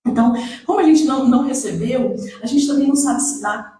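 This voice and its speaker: A woman with a Brazilian Portuguese accent teaching about emotional healing, speaking gently and asking many questions. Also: high voice, brisk, very echoey, recorded from a distance, slight background noise, poor audio. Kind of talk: talking to camera about emotions.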